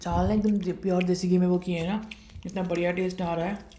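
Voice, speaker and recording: A woman's voice: on the low side, little pitch movement, brisk, mellow. A young woman, a new mother, chatting casually to her viewers while eating on a home mukbang vlog. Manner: chatty, addresses viewers directly. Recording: roomy echo, faint noise.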